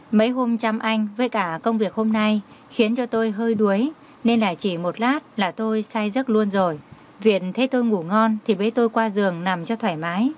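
A woman reads a first-person romance story aloud in a steady, even way. Her voice sits at an ordinary middle pitch. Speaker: audio story narrator.

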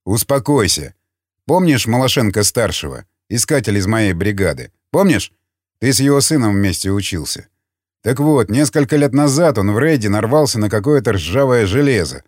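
A man voicing a calm, commanding seasoned scavenger who speaks tersely and bluntly. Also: on the low side, normal speed, no room sound, studio quality. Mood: stern. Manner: terse, blunt, matter-of-fact.

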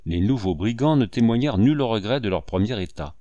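A man narrating a classic novel in a lively, theatrical audiobook reading. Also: lowish voice, a little fast, dry recording, lo-fi sound. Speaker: audiobook reader. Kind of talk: expressive literary narration.

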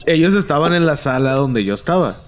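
A man's voice: fairly high pitch, brisk. Slangy Mexican man telling stories. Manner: slangy, animated storyteller acting out quotes. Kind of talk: casual chat.

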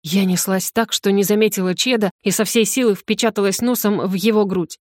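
A woman narrating a first-person audiobook in an even storytelling manner. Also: medium pitch, a little fast, no room sound, studio quality.

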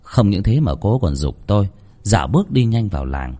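A man narrating a scripted horror story in a dramatic, expressive way. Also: on the low side, a little fast.

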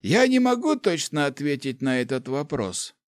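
In an audiobook, a man performs a grumpy, gloomy old mage, grumbling and growling his lines in a gravelly mood. His voice is pushed up a little high, very animated yet unhurried, captured with studio quality and no echo.

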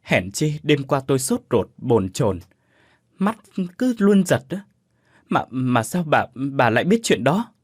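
A man's voice: a little high, lively intonation, brisk, dry recording, studio quality. A man voicing an anxious, grieving young son in a storybook ghost tale, pleading in agitated outbursts. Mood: distraught.

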